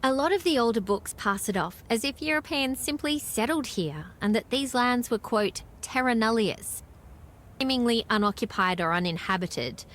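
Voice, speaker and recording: A woman's voice: fairly high pitch, animated, moderate pace, fairly bright tone. An actress with an Australian accent playing a friendly, knowledgeable small-town woman in video game dialogue, chatty and explanatory. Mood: friendly, earnest.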